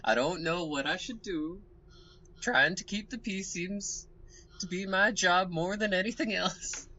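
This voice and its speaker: A fretful diarist caught in an affair, voiced by a man in a lilting, bouncy mock-Swedish accent. The voice sits on the bright side and the delivery is slow. The recording is a little muffled, with a faint hiss. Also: high voice, exaggerated voice. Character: anxious adulterous man keeping a diary. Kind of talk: comic diary reading.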